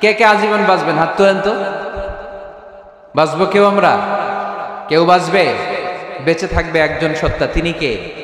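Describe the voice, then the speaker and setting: A man with a Bangladeshi Bengali accent preaching a fiery sermon, shouting, chanting verses and rousing the audience to answer. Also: moderate pace, pauses often. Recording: booming echo from a large hall PA.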